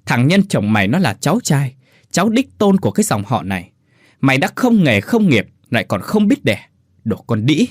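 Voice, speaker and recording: A man voicing a cruel, arrogant older mother-in-law who scolds in a shrill voice. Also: very animated, moderate pace, no echo, studio quality. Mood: venomous.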